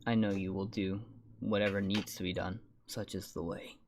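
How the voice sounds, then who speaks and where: A man voicing a frail, devout old cleric who speaks gently and humbly, in a slow, soft and halting way. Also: low-pitched, little pitch movement, a little hiss or hum. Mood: humble, gentle.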